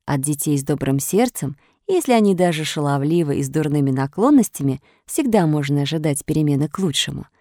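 A woman voicing a kind, patient fairy in a calm, soft, instructive voice. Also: sits low, a little fast, hardly any pauses, no echo. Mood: gentle.

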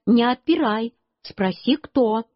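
A woman's voice: a little high, expressive, takes it slowly, no echo. A woman reading a children's story, voicing a stern old grandmother who scolds the children curtly. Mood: scolding. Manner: curt, scolding. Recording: dull lo-fi recording.

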